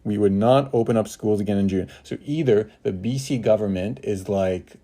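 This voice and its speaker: A man's voice: lowish voice, moderate pace, warm tone. A man co-hosting a podcast, ranting sarcastically in casual chat. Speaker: podcast co-host.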